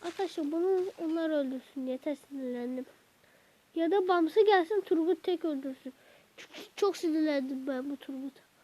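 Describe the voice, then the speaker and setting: A woman hosting a gaming channel, chatting to her viewers while she plays, with sudden excited outbursts at the game. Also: high voice, normal speed. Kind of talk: let's-play gameplay commentary. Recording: dull lo-fi recording.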